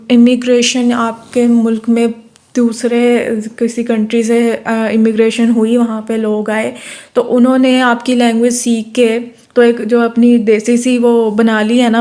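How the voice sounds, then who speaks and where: A woman tutor from Pakistan, giving a lecture that reads English notes slowly and then explains them in her own words. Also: fairly high pitch, darkish tone.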